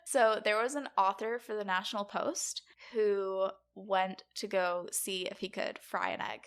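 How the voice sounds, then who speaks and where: Presenting her podcast episode's topic, a young adult woman co-host explains things conversationally and casually. She speaks at a measured pace with medium pitch, fairly even intonation and a fairly bright tone.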